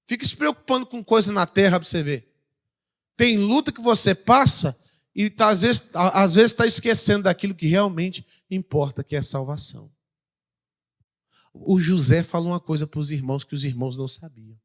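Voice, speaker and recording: A man with a Brazilian Portuguese accent, a pastor preaching a sermon, asking the congregation questions and swinging between loud calls and quiet passages. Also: sits high, moderate pace.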